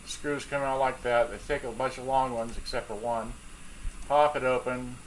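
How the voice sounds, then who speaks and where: A middle-aged hobbyist who makes repair videos rambles haltingly through an off-the-cuff how-to while working at a cluttered workbench at home. His mid-range voice stays steady in tone. He's off-screen, caught by a camera mic in a clearly noisy home workshop recording.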